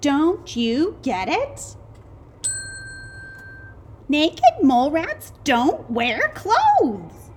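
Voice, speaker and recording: A woman voicing shrill sarcastic naked mole rats. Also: big pitch swings, slow pace, darkish tone, slight background noise, heavily acted. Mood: scornful. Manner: shrill, scornful. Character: disgusted sarcastic naked mole rat crowd.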